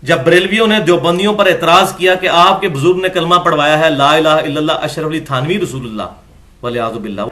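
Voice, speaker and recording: High, bright-voiced man lecturing. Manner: argumentative, rising to emphatic peaks. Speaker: religious lecturer. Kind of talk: lecture reading from books.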